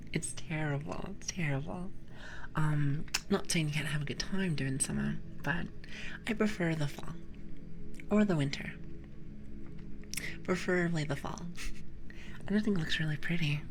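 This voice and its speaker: A young woman from Portugal chatting playfully with viewers in a soft, mostly unvoiced ASMR whisper. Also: low voice, creaky, slight background noise. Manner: playful, teasing chat with viewers. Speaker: ASMR streamer. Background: soft background music.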